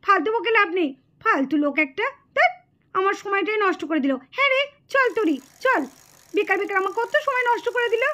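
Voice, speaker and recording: Brief: woman doing a very high, scolding, quarrelsome village aunt for a puppet cartoon. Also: expressive, fairly quick, fairly bright tone. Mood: grumbling. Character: hot-tempered young village woman, aunt.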